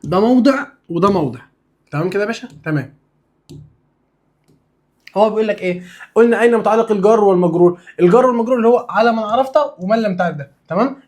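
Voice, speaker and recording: A man's voice: sits high, rapid-fire, long pauses, a little mellow. A man with an Egyptian accent teaching a religious studies lesson, drilling students with repeated questions and answers and casual, playful asides. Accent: Egyptian Arabic.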